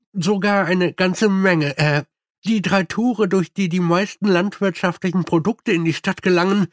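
In an audiobook, a male narrator voices a deadpan army captain, pitching him higher than his own voice. The captain speaks slowly with dry irony and hesitant fillers. The sound is close and dry, with no room sound.

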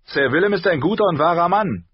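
Ein Mann spricht einen scharfen, höhnischen Ritter. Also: male voice, high voice, expressive, quick pace, husky, no room sound, highs cut off, voice pushed up. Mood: scornful. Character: scornful young male knight.

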